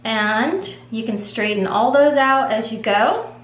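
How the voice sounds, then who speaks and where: A woman's voice: a little high, slow pace. Chatty woman demonstrating a craft, roomy echo. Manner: relaxed, chatty, reassuring. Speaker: craft tutorial host. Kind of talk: casual step-by-step craft demonstration. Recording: echoey room with faint hum.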